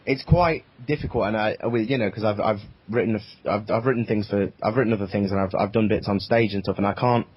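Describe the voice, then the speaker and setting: A young man with a low, husky voice talks in a halting, casual way and keeps restarting his sentences. The sound is dull and lo-fi. It is recorded dry, with no room echo. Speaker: writer and producer of an audio drama. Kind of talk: casual interview chat.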